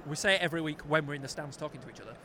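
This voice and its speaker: A man's voice: on the high side, racing. A man with a Yorkshire accent hosting a football podcast from the stands, bantering casually in a dry, sweary, teasing way into a handheld microphone. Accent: Yorkshire English. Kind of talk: casual banter at a live match. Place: outdoors in cold stands at a match. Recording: noisy outdoor football ground, handheld microphone.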